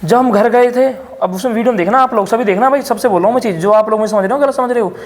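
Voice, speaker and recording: A man in an interview telling his side of events in a rapid, insistent storytelling way. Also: high voice, long reverb tail. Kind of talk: defensive interview account.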